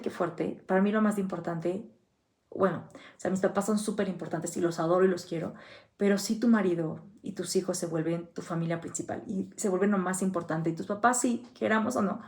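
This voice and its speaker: A woman's voice: mid-range voice, a little mellow. A middle-aged woman with a Mexican Spanish accent, a thanatologist speaking in an earnest, anecdotal podcast monologue and acting out quoted dialogue.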